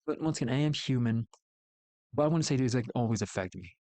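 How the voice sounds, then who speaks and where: A man's voice: medium pitch, expressive, fast, dark tone, no echo. A man streaming solo, casually thinking aloud in a rambling, opinionated way and often correcting himself mid-sentence. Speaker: VTuber streamer.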